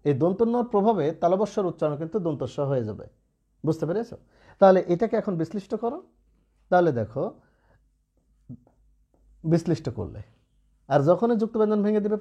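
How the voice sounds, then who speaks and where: A man's voice: sits high, mellow. A man teaching Bengali pronunciation rules in an online lesson, patiently checking in with students as he explains. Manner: patient, asks students rhetorical checks often.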